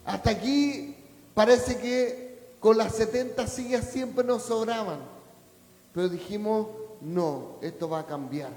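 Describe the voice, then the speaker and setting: Un hombre pastor que predica un sermón, pregunta a menudo a la congregación si le entiende y sube hasta gritar en los momentos fuertes. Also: male voice, high-pitched, slow pace. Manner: preaching, rising to a shout at climaxes; asks the congregation rhetorical questions. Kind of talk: sermon. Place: church hall. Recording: echoey church hall with long reverb.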